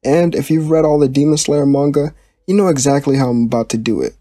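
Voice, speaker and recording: A man's voice: on the high side, quick pace, warm tone, no echo, clean studio sound. A young man hosting his channel and narrating a fan story in a casual, plain way. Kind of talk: reading a fan story aloud.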